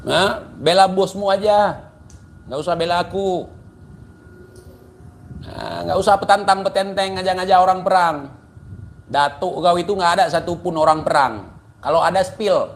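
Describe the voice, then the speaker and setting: A man's voice: high-pitched, normal speed, pauses often, slight background noise. A man giving a ranting, taunting commentary, mocking and insulting his target.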